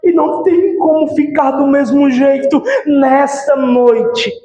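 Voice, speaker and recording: A man preaching an emotional sermon in a church, swinging between shouts and hushed pleading. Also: very high-pitched, takes it slowly, echoey room. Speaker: evangelist preacher.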